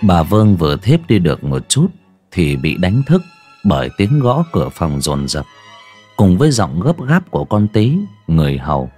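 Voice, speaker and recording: A narrator reading a dramatic story aloud with expressive, storytelling delivery. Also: low-pitched, moderate pace, slightly rough, soft background music. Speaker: audiobook narrator.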